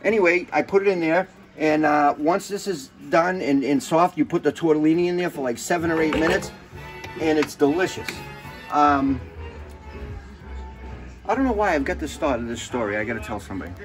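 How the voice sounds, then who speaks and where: A man's voice: fairly high pitch, brisk, music in the background, rough recording. A man hosting a casual cooking show, rambling and joking as he cooks, swearing freely and drifting off into stories. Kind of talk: casual cooking demonstration chat.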